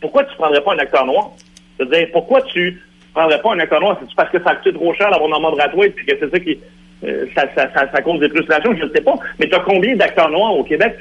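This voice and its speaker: Heated radio guest: Quebec French man, husky and insistent. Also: fairly high pitch, fast talker, a bit bright. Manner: insistent, argumentative. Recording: lo-fi radio broadcast.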